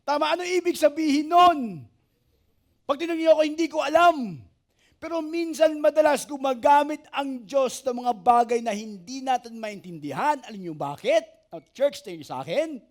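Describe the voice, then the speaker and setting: A man, a pastor preaching an animated sermon, asking the congregation for amens and joking with them. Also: very high-pitched, moderate pace. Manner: animated preaching, asks the church for amens and jokes with it.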